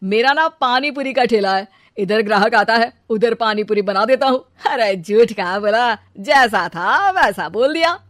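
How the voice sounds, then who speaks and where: A woman's voice: a little high, animated, normal speed, few pauses, fairly bright tone, no room sound, clean studio sound. A woman voicing a boastful, fibbing young man in a comic story, making glib, stammering excuses without shame. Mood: glib, self-justifying. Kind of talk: comic Hindi audio story dialogue.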